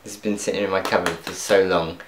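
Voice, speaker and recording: Speaking quickly in a low, steady voice, a young man narrates his cooking for viewers from his home kitchen and laughs at his blunders. It's casual cooking commentary from a vlogger. The background is noisy, the room echoes, and pans clatter faintly.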